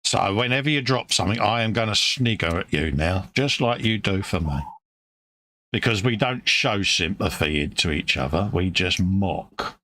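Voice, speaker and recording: A British man co-hosts a casual model-building live stream from his home workbench, bantering, chuckling often, and calling his friend "mate." His low voice is bright and forceful, with lively intonation, normal speed, and no echo.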